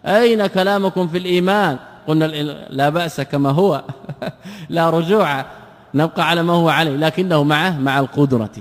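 A man's voice: on the high side, a little fast. Man teaching in an echoing hall. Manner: explains by asking and answering his own questions. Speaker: sheikh teaching a text. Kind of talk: classroom lesson on creed and grammar. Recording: long hall reverb.

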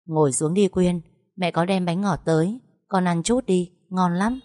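A woman's voice: fairly low pitch, measured pace, warm tone, no room sound, lightly acted. Brief: woman voicing a storybook mother, coaxing and pleading, dry close sound. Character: coaxing middle-aged mother, eager to please.

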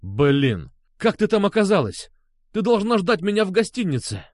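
A man's voice: high voice, big pitch swings, normal speed, no room sound, studio quality, voice pushed up. A man reading an audiobook, voicing a desperate young man who gives urgent, commanding orders. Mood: urgent angry.

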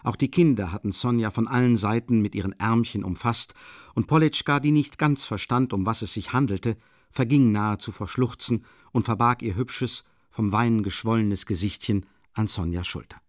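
A man narrating a classic novel in a measured, expressive storytelling manner. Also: lowish voice, no room sound, clean studio sound. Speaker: audiobook reader. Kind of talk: scripted literary narration.

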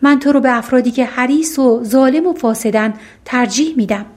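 A woman voicing a gentle, honest young heroine in an audiobook fairy tale, speaking gently in a slightly raised voice. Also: sits high, natural voice. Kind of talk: audiobook storytelling.

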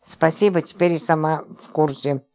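A naive, indignant young wife in an audiobook, her voice rising high and sharp as she protests and exclaims, as a woman reader plays her. She sounds agitated and easily offended throughout. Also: steady tone, moderate pace. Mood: shocked.

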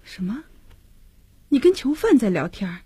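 An actress playing a protective, anxious young wife and mother who fusses and gently scolds. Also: fairly high pitch, big pitch swings, normal speed, husky, dry recording, full character voice. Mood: fretful, homely. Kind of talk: radio drama acting.

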